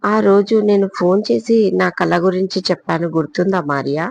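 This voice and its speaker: A woman's voice: lowish voice, brisk, creaky, a little mellow, dull audio. A woman voicing a playful, bold young heroine in a spoken audio story. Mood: teasing. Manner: teasing, spirited.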